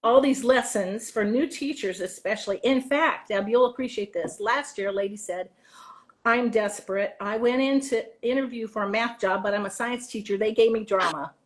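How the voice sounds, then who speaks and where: In a casual interview, a drama teacher hands out practical, encouraging advice, repeating words to drive her points home. Her voice sits a little high and moves at a moderate pace.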